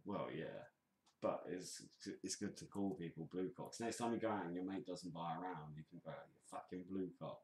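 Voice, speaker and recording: A man's voice: sits low, normal speed, a little mellow, echoey room. A man, swearing and teasing in casual podcast banter from a dim bar. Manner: sweary, teasing, mocking accents. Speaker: podcast co-host.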